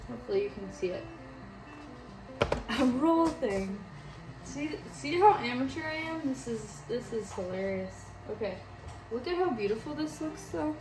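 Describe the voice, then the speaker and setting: A woman's voice: a little high, expressive, moderate pace. A young woman with a Wisconsin accent chatting casually and self-deprecatingly as she bakes in her home kitchen. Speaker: home baking vlogger. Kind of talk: casual chat while baking. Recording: roomy kitchen with background music.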